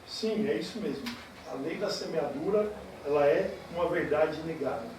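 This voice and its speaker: Man teaching a sermon, fairly high voice, halting fillers, far from the mic, noisy echoing hall. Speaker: preacher. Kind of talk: sermon and scripture reading.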